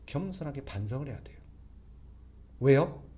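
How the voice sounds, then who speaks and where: A man's voice: medium pitch, lively intonation, moderate pace, mellow. A man preaching a conversational sermon as pastor, constantly putting rhetorical questions to the congregation and drawing on everyday examples. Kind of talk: expository sermon.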